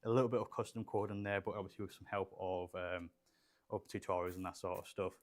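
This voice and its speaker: A young adult livestream host who builds gaming PCs talks quickly in a deep voice with fairly even intonation. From Poland and raised in England, he chats casually from a small shelved studio room, rambling with fillers and reading out live chat while assembling a PC.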